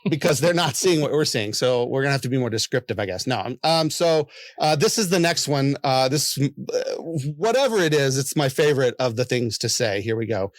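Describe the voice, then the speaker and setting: A man's voice: medium pitch, animated, brisk, no echo, clean studio sound. A man hosting a casual quiz chat, laughing often and trailing off in fillers and restarts. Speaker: host.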